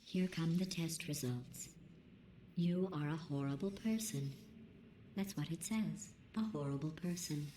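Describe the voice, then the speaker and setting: A woman voicing a cold, sarcastic female computer that runs a test lab, calm and insulting, with a robotic processed sound. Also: low-pitched, a little slow. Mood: deadpan sarcasm. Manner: deadpan, passive-aggressive, insulting in a calm even tone. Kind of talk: video game dialogue. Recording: echoey game audio with steady hum.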